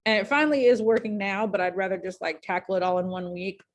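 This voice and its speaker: A woman teaching a high school English class in a casual, chatty way, full of ums and likes, speaking in a classroom. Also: steady tone, fast talker. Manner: chatty, many fillers like um and like.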